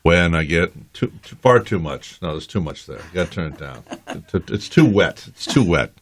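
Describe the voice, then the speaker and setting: A man hosting a radio talk show, teasing his guest and preaching in a lively, casual way. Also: deep voice, moderate pace.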